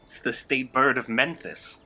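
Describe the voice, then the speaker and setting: A man speaking as a player in a tabletop game, earnest and thinking out loud. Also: mid-range voice, a little slow, a little hiss or hum. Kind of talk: casual tabletop play.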